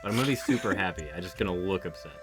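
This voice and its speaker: A man with a lowish voice talks through his character choices for a tabletop game. He is hesitant, says um a lot, and throws in jokes. Music plays clearly underneath. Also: rapid-fire. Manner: hesitant, lots of ums, joking. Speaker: player. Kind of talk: casual chat during a game session.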